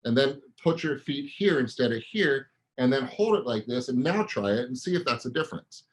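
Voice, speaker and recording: A man co-hosting a real estate coaching podcast, pressing listeners with punchy, rapid-fire rhetorical questions. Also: mid-range voice, animated, a little hiss or hum, rough recording.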